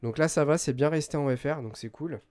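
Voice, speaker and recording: A man hosting a software tutorial, explaining step by step in a chatty way, full of hesitations and self-corrections. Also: fairly high pitch, fairly quick. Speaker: host of a web tools tutorial channel. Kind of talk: screen-recorded software tutorial.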